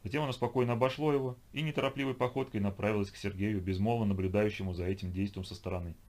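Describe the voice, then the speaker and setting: Brief: male audiobook narrator, lowish voice, steady measured reading. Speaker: audiobook reader. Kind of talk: scripted narration.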